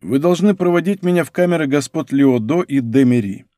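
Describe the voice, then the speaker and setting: A man voicing a powerful minister in a historical audiobook, speaking slowly and with deep emotion. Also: animated, mellow, no echo, clean studio sound, natural voice. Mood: commanding. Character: powerful male minister, passionate and anxious.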